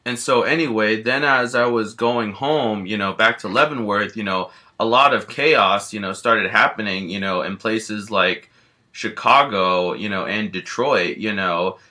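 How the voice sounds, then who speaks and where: A man voices a big, gentle grizzly bear who scares easily, rambling wistfully through a first-person storytime and leaning on fillers constantly. His fairly low voice rings bright and forceful at a measured pace.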